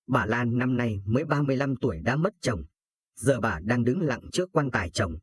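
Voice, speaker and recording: Male narrator with a husky voice, solemn and steady, dry close sound. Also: mid-range voice, dry recording. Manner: solemn storytelling. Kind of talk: scripted narration.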